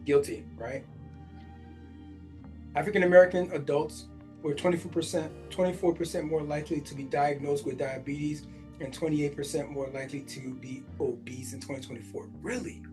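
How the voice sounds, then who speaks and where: A man's voice: a little high, steady tone, normal speed, over music. A man in his forties hosting a podcast, reading a news article aloud and stopping often to react in casual asides full of fillers. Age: 40s. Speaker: podcast host.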